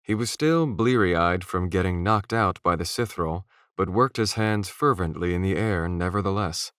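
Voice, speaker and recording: A man narrating a fantasy novel in an even, measured storytelling voice. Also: sits low, clean tone, no echo, studio quality. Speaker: audiobook narrator.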